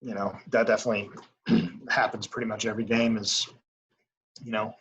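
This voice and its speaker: A young man in a casual interview as an umpire, talking in a rambling, halting way full of filler phrases. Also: on the low side, little pitch movement, a bit bright, husky, muffled recording. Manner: rambling, halting, frequent "you know". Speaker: baseball umpire as interview guest. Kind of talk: casual chat.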